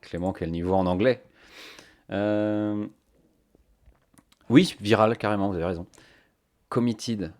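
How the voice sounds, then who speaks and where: A man's voice: lowish voice, fairly even intonation, slow, pauses often, darkish tone. Chatty man thinking aloud on stream. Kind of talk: casual live-stream chat. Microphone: cheap microphone.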